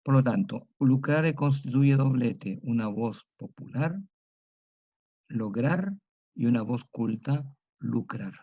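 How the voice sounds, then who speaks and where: Chilean man teaching slowly, repeating key words. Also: medium pitch, mellow, no echo, highs cut off. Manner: slow, explanatory, repeats words for emphasis. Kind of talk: recorded online lecture.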